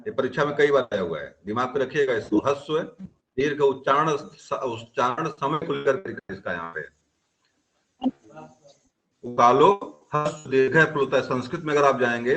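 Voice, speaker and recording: A man's voice: mid-range voice, highs cut off. A man teaching grammar in an online class, explaining step by step and often checking whether students have understood.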